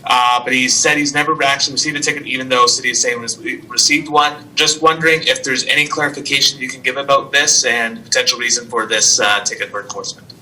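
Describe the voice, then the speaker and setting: A male reporter asking a question over a video call whose audio keeps breaking up, speaking haltingly with many fillers. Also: mid-range voice, fairly even intonation, bright, forceful tone, slight background noise, poor audio. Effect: choppy audio from a breaking-up video stream. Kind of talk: press conference question.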